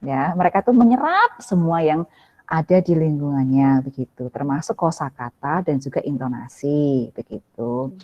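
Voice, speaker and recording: Brief: low-voiced woman, warm and mellow, patient webinar speaker with lots of fillers, lo-fi call audio. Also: animated, normal speed. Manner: gentle, hedging, many fillers and "ya" tags. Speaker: webinar speaker on child development. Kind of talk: live webinar Q&A, explaining to a parent. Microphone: video call. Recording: dull lo-fi video call audio.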